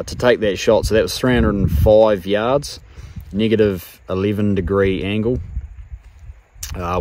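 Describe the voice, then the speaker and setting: A man explaining things casually to camera as a hunter, in a halting, thinking-aloud way. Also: on the low side, dark tone. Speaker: hunter presenting his own video. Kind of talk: casual explanatory vlog talk. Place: outdoors in open windy country. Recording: noisy windy outdoor recording. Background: wind noise.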